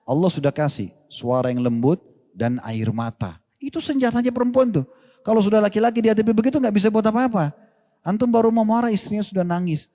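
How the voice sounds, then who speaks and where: A man's voice: high-pitched, quick pace. Man preaching with a long hall echo. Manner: lively, joking, asks rhetorical questions, colloquial slang. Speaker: Islamic preacher. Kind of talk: casual Islamic lecture.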